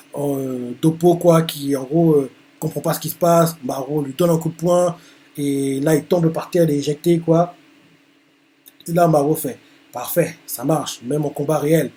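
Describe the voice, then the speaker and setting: A man's voice: a little high, dark tone. A man reacting live to a manga chapter, narrating the panels with many hesitant fillers.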